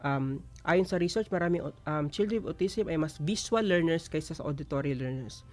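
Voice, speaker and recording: A man and father explaining parenting strategies calmly, switching between Tagalog and English. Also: fairly high pitch, normal speed. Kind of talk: talk show advice segment.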